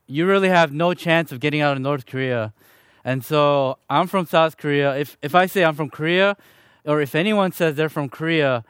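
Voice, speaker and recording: A man's voice: fairly high pitch, clear, resonant tone, no room sound, studio quality. A young man from Chicago giving his personal testimony to a church gathering in an earnest, conversational, self-deprecating way. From Chicago, Illinois, USA.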